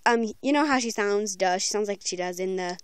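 Heavy background noise surrounds this young video creator as she chats casually into a close handheld phone in her small bedroom. She speaks at a medium pitch and a fairly quick clip, rambling in slang while telling viewers about voice auditions.

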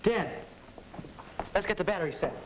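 An American teenage big brother in a 1950s educational film. His voice is a little high, earnest and reassuring. The old soundtrack carries faint noise. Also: lively intonation, moderate pace, poor audio.

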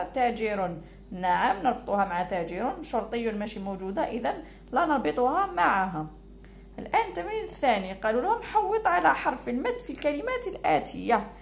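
A woman teacher with an Algerian Arabic accent, walking pupils through a lesson and stretching out key words slowly. She is recorded at home, with a faint hum. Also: on the high side, vocal fry. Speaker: primary school teacher.

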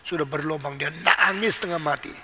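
A man's voice: a little high, fairly quick, sharp tone. A man preaching a sermon as pastor, emphatic and repetitive, asking rhetorical questions. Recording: long hall reverb.

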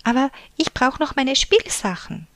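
A woman voicing a small, eager young bear cub in a storybook, with high, bright, childlike calls. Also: very animated, unhurried, vocal fry, dry recording, heavily acted. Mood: eager pleading.

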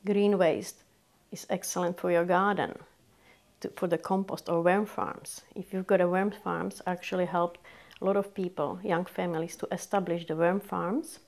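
A Czech woman in her sixties, speaking with a Czech accent and non-native phrasing, sits down for an interview in a small office lined with bookshelves. As a community volunteer she explains her work earnestly and keenly. Her voice is lowish, gravelly and darkish, with a level tone and moderate pace.

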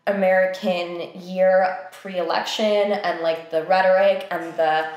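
Recorded in a heavily echoing room, this is a slow, lowish female voice with fairly even intonation. She's young, a co-founder and director of a theatre company, and she talks casually, working through her thoughts aloud with lots of fillers.

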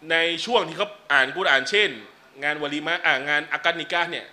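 A man teaching a relaxed religious class, chatting with joking asides between numbered teaching points. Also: fairly high pitch, quick pace. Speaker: Islamic teacher. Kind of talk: casual religious lecture. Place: lecture venue.

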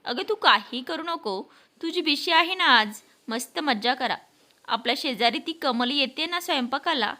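A woman's voice: sits high, sharp tone, heavily acted. A woman voicing a kind older mother-in-law who scolds and dotes at once. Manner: scolding yet doting.

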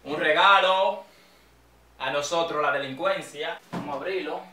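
Bright-voiced Dominican young man in an echoey room. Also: on the high side, a little slow, faint music behind. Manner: rowdy, joking, slangy. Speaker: vlogger. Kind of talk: casual street-slang vlog. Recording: echoey room, mic a bit distant.

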